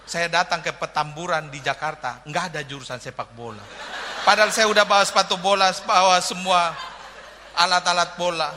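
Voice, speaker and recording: A man's voice: sits high, steady tone, a little fast, bright, forceful tone, long reverb tail, a little hiss or hum. A man preaching a sermon in a joking, humorous way, often calling out "amin" to the congregation. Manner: humorous, jokey preaching with frequent "amin" calls. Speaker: pastor.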